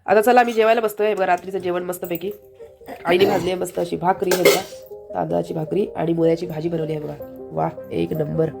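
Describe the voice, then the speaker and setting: Brief: woman vlogger, Konkan Marathi accent, brisk chatter to a phone camera. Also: lowish voice, fairly even intonation, gravelly, over music. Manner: chatty, shows things to the camera. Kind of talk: casual daily vlog narration. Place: family home, indoors.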